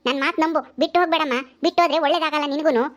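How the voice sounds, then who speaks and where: A woman's voice: sits high, steady tone, very fast, close to an everyday voice. A woman playing a scolding middle-aged village mother. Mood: lecturing. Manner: scolding, exclaiming often.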